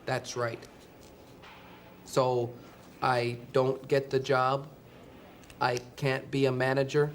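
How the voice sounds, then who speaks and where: A man's voice: mid-range voice, level tone, slow, long pauses, a little hiss or hum, close to an everyday voice. A man playing a meek, sheepish job applicant. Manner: hesitant, apologetic short answers. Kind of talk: scripted comic dialogue.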